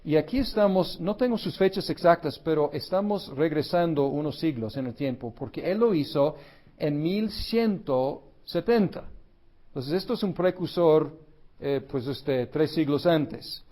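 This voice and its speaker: A man's voice: fairly high pitch, lively intonation, unhurried, dark tone. A man teaching church history in an unscripted lecture, thoughtful, with many fillers and self-corrections.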